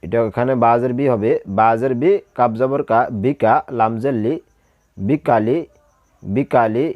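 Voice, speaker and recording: A man leads a Quran reading lesson at an even, middling pitch. He spells out each syllable and repeats it patiently, drill-style. His voice sounds dry and close, with no room around it. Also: dry recording, muffled recording. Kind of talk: slow spelling-out recitation lesson.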